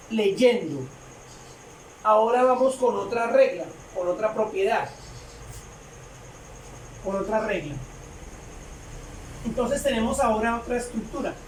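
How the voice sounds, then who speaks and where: A woman explaining a grammar rule to a class, halting often with fillers and repeating her phrases. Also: on the high side, a little mellow. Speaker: English teacher. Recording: echoey room, distant mic, faint noise.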